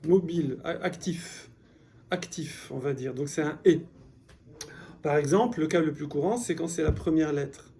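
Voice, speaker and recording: Gravelly and dark in tone yet pitched on the high side, this man's voice moves at a moderate pace as he teaches a beginner Hebrew class in French. He explains with patience, repeats the essential words, and checks in by asking "d'accord?" Slight background noise can be heard.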